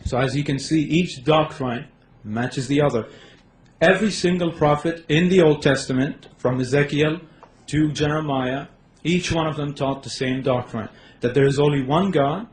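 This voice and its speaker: A man from Los Angeles presents his case in a debate. He is slightly nervous, with hesitant starts and sudden quick runs of words. His voice echoes around a hall over faint noise. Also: on the high side. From Los Angeles, United States.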